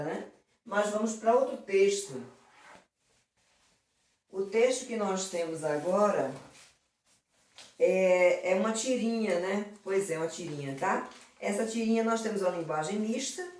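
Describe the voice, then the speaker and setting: This exam prep session features a woman teacher whose lowish voice has a somewhat mellow quality. She goes through the exam questions fondly, full of diminutives and constant checks on her students. The mic is distant and the room is very echoey.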